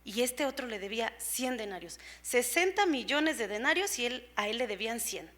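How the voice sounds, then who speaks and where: A woman's voice: a little high, expressive, normal speed, fairly bright tone. A woman preacher giving a sermon in an earnest, explanatory way, with rhetorical questions and frequent fillers, in a church.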